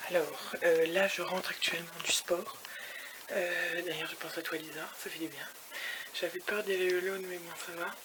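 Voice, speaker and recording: A woman's voice: fairly low pitch, background noise. A woman vlogging from her hotel room in a chatty, rambling way, scattering English words through her talk and sometimes dropping to a whisper. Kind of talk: casual vlog chat.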